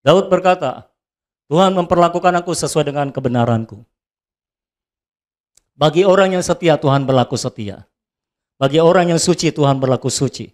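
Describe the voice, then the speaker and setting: A man preaching a sermon as a pastor, swinging between loud high calls and soft low asides. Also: normal speed, pauses often.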